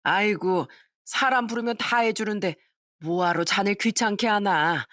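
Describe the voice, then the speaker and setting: A woman's voice: medium pitch, a little slow, a bit bright, no echo, clean studio sound, natural voice. A woman voicing an independent older mother who brushes off her son-in-law's help. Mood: dismissive.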